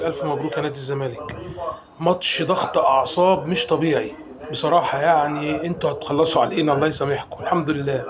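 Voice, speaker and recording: A man with an Egyptian accent giving an emotional, rapid-fire football fan reaction after a match, calling out the players one by one. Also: a little high. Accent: Egyptian Arabic.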